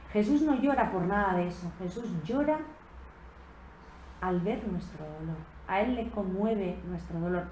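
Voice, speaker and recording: A woman giving a slow, reflective sermon on a Gospel passage at a retreat, rising in emphasis on key phrases. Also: mid-range voice, mellow. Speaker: preacher giving a retreat talk. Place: convent retreat room. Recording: echoey room with faint background noise.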